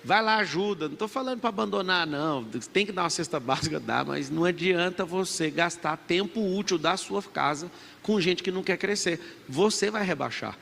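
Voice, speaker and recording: Brazilian man in his thirties, gravelly and a touch high, emphatic motivational speaker, reverberant hall with faint noise. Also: brisk, fairly bright tone. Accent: Brazilian Portuguese. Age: 30s. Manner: emphatic, preachy, has the crowd repeat after him. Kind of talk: motivational talk to a live audience. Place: large event hall.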